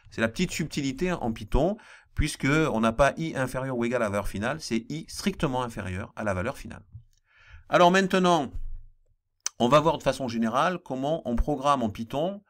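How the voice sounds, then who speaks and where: Man explaining code step by step. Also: medium pitch. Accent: non-standard accent he apologizes for. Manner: explanatory, repeats key points with fillers. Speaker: math teacher. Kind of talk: screen-recorded programming lesson.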